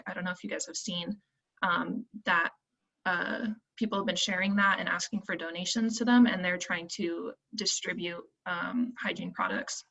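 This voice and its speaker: A woman's voice: fairly low pitch, creaky, a bit bright, husky, poor audio. A woman in her twenties from the US Southwest presents her team's project idea on a video call, earnest and full of ums. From Phoenix, United States. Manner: earnest, many ums while thinking. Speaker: team presenter.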